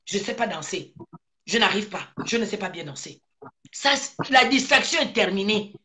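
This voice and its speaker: Une femme originaire du Gabon qui prononce un discours politique passionné, martèle ses phrases et enchaîne les questions rhétoriques. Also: female voice, mid-range voice, a bit bright, slight background noise. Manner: emphatic, repeats phrases, rhetorical questions. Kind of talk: impassioned political speech.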